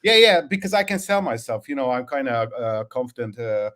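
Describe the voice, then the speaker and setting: A man's voice: medium pitch, very animated, fairly quick, fairly bright tone. A man from Hungary, calling in to ask questions, speaking hesitantly with many fillers and restarts. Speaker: caller, new agency owner. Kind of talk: casual call-in question.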